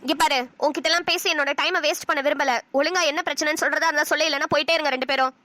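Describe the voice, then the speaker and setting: A woman voicing a stern older mother-in-law in a cartoon, scolding slowly in a lowered voice. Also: fairly even intonation, bright, forceful tone, no echo. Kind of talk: cartoon voice acting.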